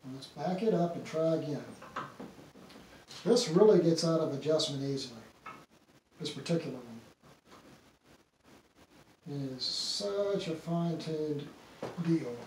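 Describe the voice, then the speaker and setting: A middle-aged man giving a casual hands-on demonstration, muttering to himself in an unhurried way as he works. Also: on the high side, a little mellow. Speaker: phonograph demonstrator. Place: small indoor room full of antique phonographs. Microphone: distant camera microphone. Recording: very echoey room, distant mic, faint noise.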